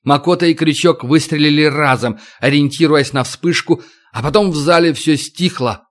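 A man narrating an audiobook in a steady, dramatic reading. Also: on the high side, moderate pace. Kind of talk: scripted narration.

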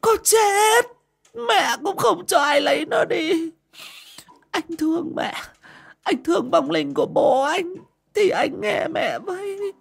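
A man voicing a frail old mother who stammers, begs and weeps in a high, creaky voice. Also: big pitch swings, slow pace, long pauses, heavily acted. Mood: pleading, tearful. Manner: begging, stammering.

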